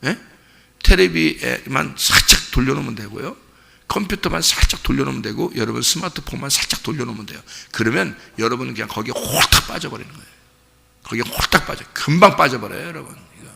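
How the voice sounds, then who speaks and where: A middle-aged man preaches a dawn service sermon with a bright, forceful, gravelly voice. He tells vivid stories and keeps asking the congregation questions. His voice rings out with the long reverb of a church sanctuary. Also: medium pitch, quick pace. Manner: animated, vivid storytelling with direct questions to the congregation. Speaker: pastor.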